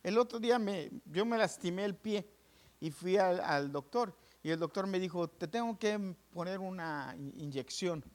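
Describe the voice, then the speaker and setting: A man's voice: high voice, moderate pace. A man preaching, telling his own hospital story to the congregation, calling them brothers and acting out each voice. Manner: animated storytelling, addresses listeners as brothers; acts out dialogue with doctors and nurses. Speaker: pastor. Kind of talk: sermon testimony.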